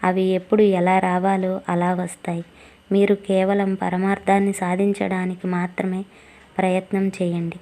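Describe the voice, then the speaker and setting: A woman voicing a gentle old male saint. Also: mid-range voice, completely flat delivery, normal speed, lightly acted. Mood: instructing.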